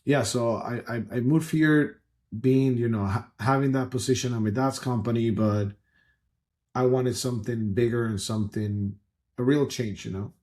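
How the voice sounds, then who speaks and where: A man's voice: medium pitch, fairly even intonation, moderate pace, a little mellow. A man, a guest telling his story in an earnest, rambling way with frequent restarts. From Ecuador. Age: 30s. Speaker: guest entrepreneur. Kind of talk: casual conversational storytelling.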